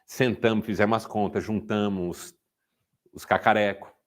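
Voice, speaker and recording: A man's voice: lowish voice, normal speed. A Brazilian Portuguese-speaking man giving a sermon-style talk to a men's group, telling stories and acting out the dialogue. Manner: animated storytelling, acting out dialogue.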